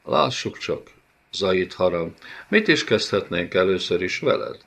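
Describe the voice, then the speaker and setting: A man's voice: deep voice, very animated, gravelly, fairly bright tone, full character voice. A man voicing a huge, cruel male beast-warlord in an audiobook, with a sneering, mock-tender way of taunting. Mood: gloating cruel. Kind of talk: audiobook character voice.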